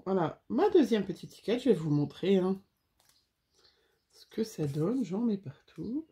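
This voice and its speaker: A woman's voice: mid-range voice, big pitch swings, a little slow, mellow. Chatty woman crafting on camera. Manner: chatty, addresses viewers, many fillers. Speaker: scrapbooking crafter. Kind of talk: casual craft tutorial.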